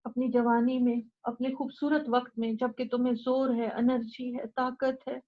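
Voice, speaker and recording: A woman's voice: a little high, level tone, normal speed. A woman teaching the Quran, urging her listeners on with repeated, exhorting phrases. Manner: urgent, exhorting, repetitive. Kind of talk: Quran lecture. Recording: dull lo-fi recording.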